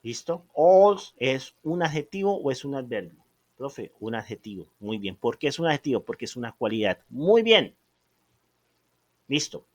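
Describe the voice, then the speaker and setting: A man teaching an English lesson on video, animated and emphatic, slowing down to stress example phrases. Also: medium pitch, no room sound.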